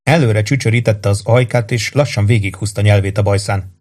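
A man narrating a novel in a steady, even storytelling voice. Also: on the low side. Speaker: audiobook narrator.

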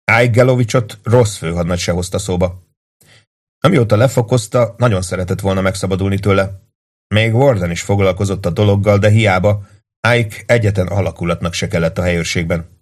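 A man narrating an audiobook in a measured, even storytelling manner. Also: low-pitched. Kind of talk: scripted narration.

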